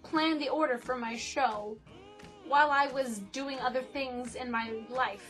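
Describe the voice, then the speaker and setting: A young woman narrating a casual vlog about directing her school show, quick and self-mocking in manner. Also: high voice, over music.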